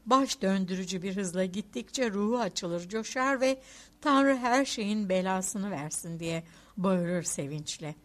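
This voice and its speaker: A woman narrating a literary novel as an audiobook, reading expressively. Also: mid-range voice. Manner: expressive, rising and falling with the story.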